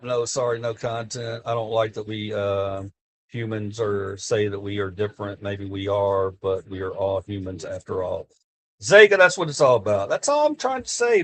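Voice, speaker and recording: A mid-range-voiced American man speaks a little slowly while livestreaming to his chat on a desk mic. Casual yet impassioned and earnest, he talks off the cuff, often backtracking and repeating himself.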